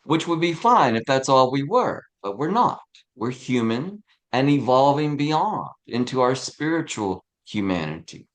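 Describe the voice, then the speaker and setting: A man teaching a casual spiritual study class, relaxed and chuckling often, checking in with his listeners as he goes. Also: mid-range voice. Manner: relaxed, chuckling, frequent "right?". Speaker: teacher of a tarot study group.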